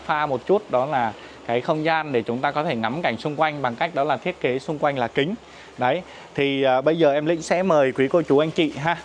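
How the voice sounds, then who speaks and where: A man's voice: mid-range voice, slight background noise. Polite man giving a walking property tour. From Vietnam. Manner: polite and deferential, frequent fillers, addresses viewers respectfully. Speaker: real estate agent giving a property tour. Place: outdoors at a riverside farm resort.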